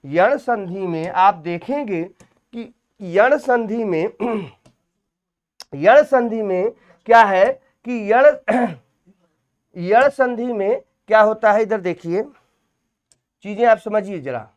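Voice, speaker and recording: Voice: mid-range voice, slow, long pauses. A Hindi grammar teacher giving an exam-prep lecture, asking questions aloud, answering them, and repeating each point. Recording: dull lo-fi recording.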